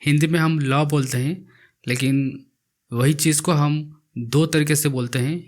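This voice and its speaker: A man's fairly high voice, with fairly even intonation, carries a slow alphabet lesson built on repetition. This language teacher says each letter twice and explains how to write it, repeating it slowly while writing.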